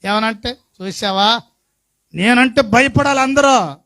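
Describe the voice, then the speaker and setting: High-voiced male pastor preaching. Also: measured pace. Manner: swings from quiet talk to shouted preaching; asks the congregation questions. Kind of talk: sermon.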